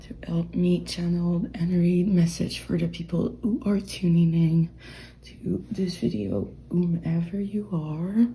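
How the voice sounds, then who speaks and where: A young native French speaker with a French accent gives a spoken tarot reading, soft and hesitant, often slipping into a whisper as she searches for words. Her voice is lowish and slow, and the low-quality recording has slight background noise.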